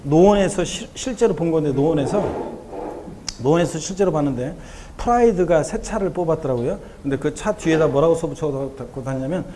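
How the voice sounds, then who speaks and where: A man's voice: on the high side, lively intonation, fairly quick, mellow, a little hiss or hum. A man teaching a tax law exam class, walking through problems, quizzing the students and answering himself, with joking asides. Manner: chatty, joking asides between explanations.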